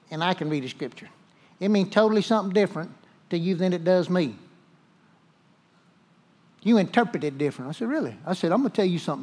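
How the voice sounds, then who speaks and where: A male pastor delivering a sermon in a folksy, humorous and animated way. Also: high voice.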